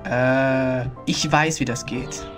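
A man's voice: medium pitch, fairly even intonation, takes it slowly, a bit bright. A young man giving sarcastic let's-play commentary and mocking the game characters as he plays. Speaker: gaming YouTuber. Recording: game music playing behind the voice.

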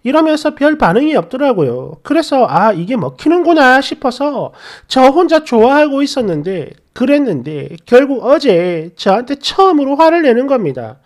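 A woman's voice: high voice, sing-song, moderate pace, hardly any pauses, darkish tone. A middle-aged woman narrating a first-person family story, indignant and confiding, addressing the listener directly.

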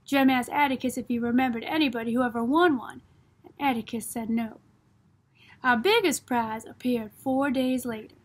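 Breathy, high-voiced woman narrating a novel. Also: fairly even intonation, normal speed. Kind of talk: audiobook reading of a novel.

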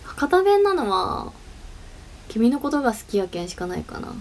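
A young woman with a fairly high voice and a chats casually into her phone on a livestream. She giggles often and thanks viewers as she reads their comments aloud. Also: sing-song, normal speed, a little hiss or hum. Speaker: idol livestream host.

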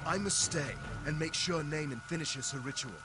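A man's voice: on the high side, normal speed, pushed and bright. An actor playing an earnest male soldier in a video game, giving formal instructions. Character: dutiful male soldier guarding a ritual, earnest. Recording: game dialogue over music.

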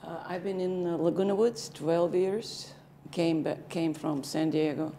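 A woman's voice: fairly low pitch, fairly even intonation, unhurried, mellow, slight background noise. An older woman from Bulgaria with a Bulgarian accent, giving brief, hesitant interview answers. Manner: brief, hesitant, laughs at herself. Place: TV studio set.

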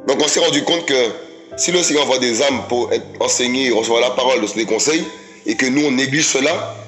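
A man's voice: medium pitch, fairly quick, fairly bright tone, soft background music. Emphatic man preaching a sermon. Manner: emphatic, repeats phrases, many restarts; addresses audience as "mes amis".

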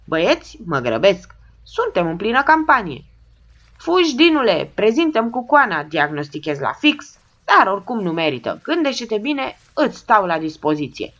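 Woman putting on a loud pushy guy, explodes every line, swings way up and down, muffled recording. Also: mid-range voice, big pitch swings, pitched above the performer's own voice. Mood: blustering. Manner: explosive, shouty bursts. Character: loud blustering middle-aged man, pushy and excitable. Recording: dull lo-fi sound.

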